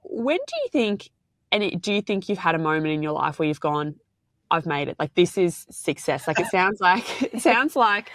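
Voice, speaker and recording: A woman hosting a podcast interview, asking long, excitable, rambling questions full of fillers. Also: sits low, dry recording, clean studio sound. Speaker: podcast host.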